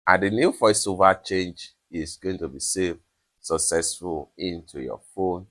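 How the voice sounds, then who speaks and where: A man's voice: low-pitched, unhurried, a bit bright. A man presenting a phone app tutorial, talking through each step in order and leaning on the same stock phrases again and again. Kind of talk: screen-recorded app tutorial.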